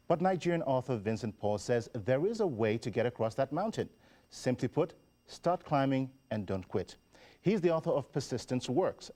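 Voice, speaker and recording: A man hosting a studio TV program, reading a scripted introduction and asking lively questions that act out viewers' doubts. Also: mid-range voice. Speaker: TV host.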